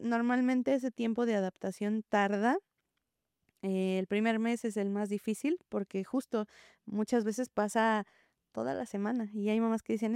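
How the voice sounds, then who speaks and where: A woman, a preschool teacher, explaining gently in an interview and acting out what children and teachers say. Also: mid-range voice, smooth, dry recording, clean studio sound. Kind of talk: interview answer, calm explaining.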